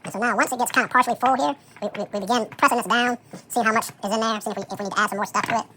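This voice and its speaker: Chipmunk-effect voice, sped up; relaxed home cook narrating a task, very fast, bright. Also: a little hiss or hum. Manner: relaxed, thinks aloud with frequent "um" and "so". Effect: sped-up chipmunk voice, high and fast. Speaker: home cook preparing dog food. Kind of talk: casual how-to commentary while working.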